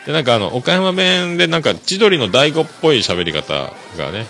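A podcast host from Kyushu, Japan rambles through a relaxed solo show loaded with fillers. His fairly high, sing-song voice sounds pushed and bright and moves fairly quickly, over clearly audible background music.

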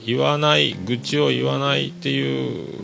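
A man from Kyushu, Japan rambles easygoingly on his own podcast, his casual talk dotted with fillers. His medium-pitched voice stays steady in tone and moves a little slowly, with background music heard clearly beneath it.

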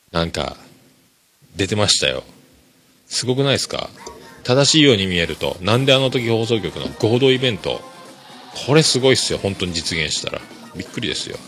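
A man hosting a casual solo podcast, talking chattily and enthusiastically and laughing softly between remarks. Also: sits low. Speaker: podcast host.

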